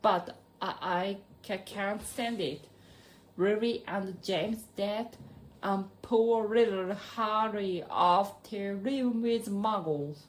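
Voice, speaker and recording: A woman with a Japanese accent voicing a big, tearful, soft-hearted half-giant man in a storybook reading, speaking in halting, sobbing phrases. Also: medium pitch, close to an everyday voice.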